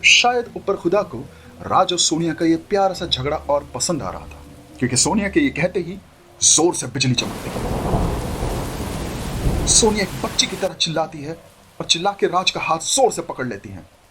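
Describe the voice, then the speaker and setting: A man tells a love story as narrator, with an expressive, animated delivery. His voice sits a bit high and moves around freely. A faint hiss lies under the recording. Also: normal speed.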